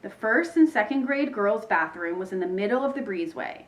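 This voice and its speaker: Woman teacher, children's book read-aloud, lively varied intonation. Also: medium pitch, fairly quick.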